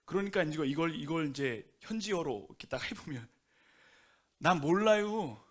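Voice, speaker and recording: A man delivering a Sunday sermon from the pulpit, his voice pitched a little above the usual for men. He preaches in a lively, conversational way, acting out quotes and asking the congregation questions. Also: fairly quick. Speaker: pastor. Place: church sanctuary.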